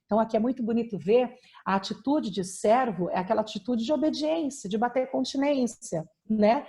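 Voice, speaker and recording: Over a video call, a woman pastor with a Brazilian Portuguese accent preaches and shares a personal testimony. Her voice is fairly high, brisk, and dark in tone, and she speaks emphatically, often using tag questions.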